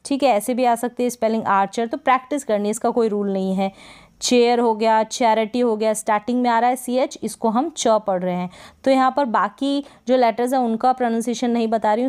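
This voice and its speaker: A woman teacher walks through a phonics lesson, reading word lists slowly and repeating each one. Her voice is smooth and resonant, pitched a little high. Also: steady tone, a little mellow. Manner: slow, repetitive word-by-word drilling. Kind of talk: English phonics lesson in Hindi.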